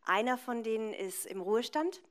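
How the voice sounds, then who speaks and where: A woman's voice: on the high side, animated, normal speed. A woman interpreting a preacher live, phrase by phrase, in a consecutive style.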